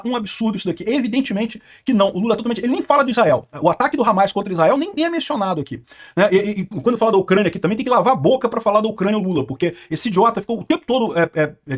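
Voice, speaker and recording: A man's voice: high voice, animated, racing. A Brazilian man hosting a political react video, commenting with indignant, scornful remarks. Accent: Brazilian Portuguese. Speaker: channel host reacting to news clips.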